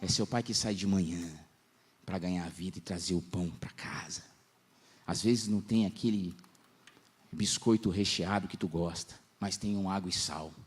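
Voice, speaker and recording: Young male pastor, lively slangy storytelling sermon, acts out voices. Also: low-pitched, normal speed, slightly rough. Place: church congress hall.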